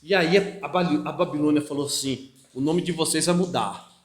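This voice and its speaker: A Brazilian pastor with a Brazilian Portuguese accent preaches an expository sermon in a church hall, his fairly high voice a little fast and the sound roomy. He preaches emphatically, often asking "amém?" in call-and-response with listeners.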